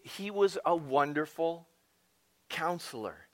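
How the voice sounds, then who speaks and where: Man preaching an expressive sermon. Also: on the high side, slow. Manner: expressive preaching, dropping to a whisper and rising for emphasis; conversational asides to the congregation. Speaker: pastor.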